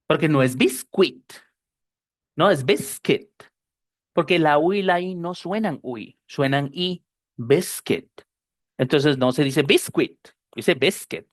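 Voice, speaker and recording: An English teacher, giving a pronunciation lesson and explaining by repeating model words slowly. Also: mid-range voice, no room sound.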